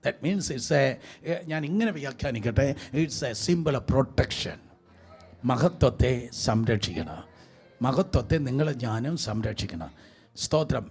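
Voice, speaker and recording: A man's voice: mid-range voice, expressive, slow pace, a little mellow. A man preaching a sermon to a congregation, calling for responses and mixing in English words. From India.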